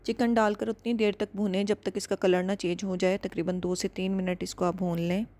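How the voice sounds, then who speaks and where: Measured and instructive, the host of a cooking channel narrates a home recipe one step at a time in a calm manner. She speaks in a mid-range voice.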